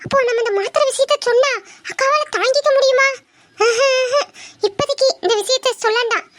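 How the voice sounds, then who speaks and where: A woman playing a sly younger sister who plots quietly in a family drama skit. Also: very high voice, a little fast. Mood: scheming. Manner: sly, plotting.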